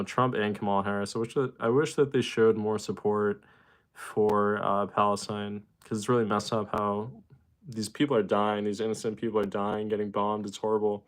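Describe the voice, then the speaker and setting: A young man from Boston hosting a casual livestream, greeting chatters and rambling with lots of fillers. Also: fairly low pitch. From Boston, Massachusetts. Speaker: livestream host. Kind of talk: casual livestream chat reading viewer comments.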